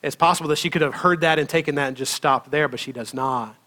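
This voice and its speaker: Male pastor, slightly high voice, conversational sermon delivery with frequent audience check-ins. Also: quick pace. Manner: conversational, asks the congregation "right?" often; lively storytelling, laughs between phrases.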